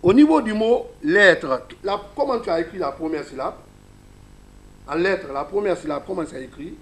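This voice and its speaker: A man's voice: high-pitched, lively intonation, normal speed. A man with a Guinean French accent teaching a class, explaining a reading method step by step and asking his listeners questions.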